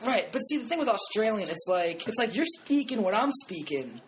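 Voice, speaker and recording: Profane young male host, animated pitch, teasing, clear hiss in the background. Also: brisk. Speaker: podcast host. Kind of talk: casual chat.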